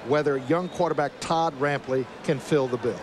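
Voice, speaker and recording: A man gives live football colour commentary in a moderately high voice. The outdoor broadcast has clear noise behind him. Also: normal speed. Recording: noisy outdoor stadium broadcast.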